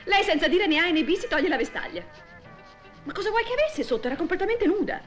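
A chatty, gossiping young wife talks to her mother in a high voice that swings up and down. She is quick to take offence. It sounds like a 1960s film soundtrack, with music clearly playing underneath. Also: big pitch swings. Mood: gossipy. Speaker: housewife on the phone.

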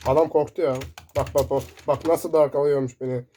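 A man commentating his own first-person shooter gameplay, excitable and shouting in bursts, keyboard clicks close by. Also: on the high side, fairly quick, a little hiss or hum. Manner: excitable, shouting in sudden bursts during play. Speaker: gaming YouTuber. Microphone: desk mic picking up keyboard. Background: loud keyboard typing.

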